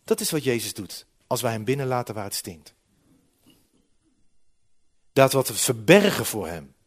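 A man preaching a sermon with slides, lively and humorous, often dropping from loud to quiet. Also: mid-range voice, moderate pace, husky. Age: 40s.

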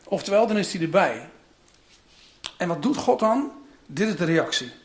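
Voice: mid-range voice, lively intonation, a little fast, a little mellow. A preacher giving a sermon, telling the story dramatically and dropping in casual asides to the listeners.

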